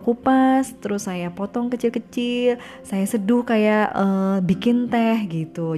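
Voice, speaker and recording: Chatty woman, mellow voice, soft music. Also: medium pitch. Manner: chatty, acts out small quoted exchanges. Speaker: vlogger sharing her recovery routine. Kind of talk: casual personal talk to followers.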